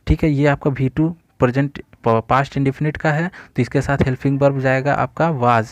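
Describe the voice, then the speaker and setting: Male tutor, mid-pitched, dry close recording, patient step-by-step explainer. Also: moderate pace, no echo. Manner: steady explanatory teaching, addresses viewers as friends, frequent "theek hai" check-ins. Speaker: exam-prep teacher. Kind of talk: explaining English grammar quiz answers.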